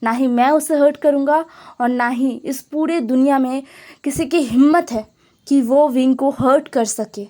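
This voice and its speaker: A woman's voice: high voice, measured pace, mellow. A woman voicing an angry young man who stands up to his uncle, defiant and heated.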